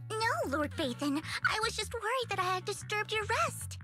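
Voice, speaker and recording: A woman's voice: very high-pitched, sing-song, unhurried, exaggerated voice. An actress voicing a sweet, devoted young woman in a video game, who speaks formally and gushes with adoration. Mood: adoring. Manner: formal, gushing, breathy-sweet. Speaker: game character. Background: game music.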